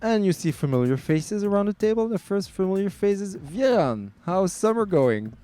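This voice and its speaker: A man hosts a relaxed podcast chat at a table outside. His voice is mellow and rises and falls a lot, and he keeps things moving with quick questions. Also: sits high, dry recording. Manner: upbeat, leading the talk with quick questions. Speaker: podcast host. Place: outdoors at a table in the sun.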